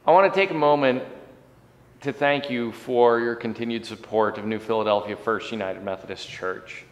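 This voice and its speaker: A pastor in his forties preaches and prays earnestly indoors in a church sanctuary, emphasis swelling and falling. His mid-range voice moves at normal speed, and the audio is dull, taken from a fixed camera at chest height with long church hall reverb.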